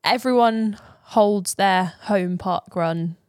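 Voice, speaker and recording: British female podcast host, mid pitch, chatty, dry close-mic recording. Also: takes it slowly, a little mellow, dry recording. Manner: chatty, uses "like" often. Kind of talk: casual podcast chat.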